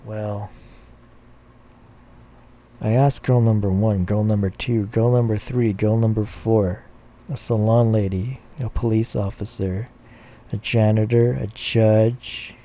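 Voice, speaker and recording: Man voicing a rambling prisoner, hesitant, slow, dark voice, lists things, storytelling. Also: fairly low pitch, fairly even intonation. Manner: hesitant, with uh fillers and long lists.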